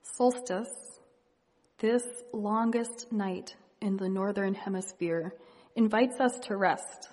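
A woman leading a guided meditation and reading reflective poetry in a hushed, gentle, unhurried manner with long pauses. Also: medium pitch. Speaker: meditation leader. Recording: long reverberant hall echo.

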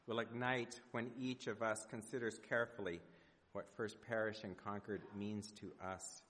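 Low-voiced male preacher in an echoing hall. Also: fairly bright tone. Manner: measured, rhetorical phrasing with deliberate pauses. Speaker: preacher giving a church sermon. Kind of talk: sermon, prepared oratory. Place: large indoor church sanctuary. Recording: reverberant church hall.

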